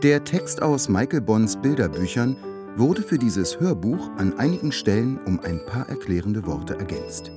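Man, low-ish voice, lively intonation, audiobook announcer, music behind. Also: a little slow. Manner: addresses young listeners warmly. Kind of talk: friendly scripted introduction.

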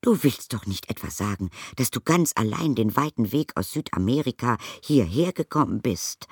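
A woman voicing an excitable, caring middle-aged housewife in a storybook reading, exclaiming and fussing. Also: extremely low pitch, moderate pace, breathy edge, no room sound, studio quality, pitched above the performer's own voice, exaggerated voice.

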